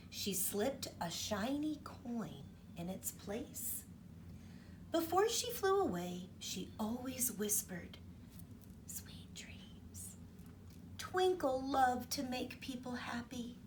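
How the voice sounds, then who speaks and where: Slightly high in pitch, a woman teacher reads aloud from a storybook to children, expressive and often stopping to ask them things. The recording comes from a distant mic with a little hiss or hum.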